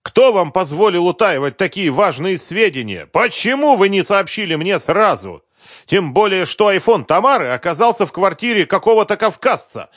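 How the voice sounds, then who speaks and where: Man voicing a raging middle-aged tycoon, high strained yells, loud, dry close sound. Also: very animated, moderate pace, dry recording, full character voice. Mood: furious shouting. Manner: yelling accusations at an investigator. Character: furious middle-aged male businessman, shouting, bullying.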